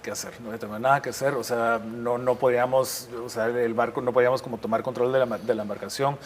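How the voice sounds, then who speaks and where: A man's voice: medium pitch, fairly even intonation, fast. A middle-aged man from Guatemala, a war correspondent, being interviewed and telling his stories reflectively, often restarting his sentences. There is faint noise behind him. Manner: reflective storytelling with frequent restarts. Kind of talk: interview conversation.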